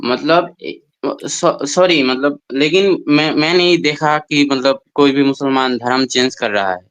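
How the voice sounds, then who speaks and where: Bangladeshi guy calling into a debate, bengali accent, slow and halting, clean smooth voice. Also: mid-range voice, a bit bright, no room sound, low-quality recording. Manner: halting, hesitant, searches for words. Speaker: caller. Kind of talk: unscripted debate call.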